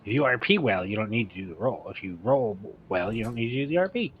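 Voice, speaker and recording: A man's voice: on the low side, very animated, fast talker, phone-quality sound, slight background noise. A man running a tabletop game as game master, narrating combat casually over an online voice call and swearing freely. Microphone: online voice call mic.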